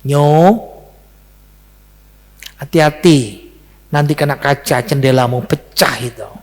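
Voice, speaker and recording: A man's voice: a little high, takes it slowly. A preacher voicing a patient loving father. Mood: warning. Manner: gentle, earnest pleading. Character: patient loving father disciplining his son.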